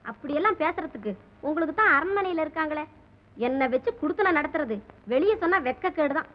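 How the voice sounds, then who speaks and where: A sharp-tongued wife trades defiant jabs in a high voice. The sound is dull and muffled, as on an old film soundtrack. The delivery is classic 1940s screen acting. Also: female voice, lively intonation, brisk. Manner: biting, defiant retorts.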